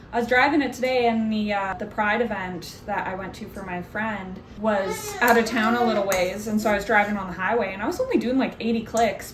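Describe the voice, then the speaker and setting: A woman chatting casually in a vlog, rambling and laughing easily as she talks from her workplace kitchen. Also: medium pitch. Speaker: baking vlogger. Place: at work in a kitchen.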